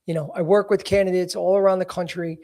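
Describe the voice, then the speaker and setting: A man in his forties with a notably high voice, hosting a casual career-advice podcast. He talks bluntly and emphatically and keeps it real, with frequent "you know" fillers. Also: level tone, fast, mellow. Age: 40s. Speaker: podcast host, career coach.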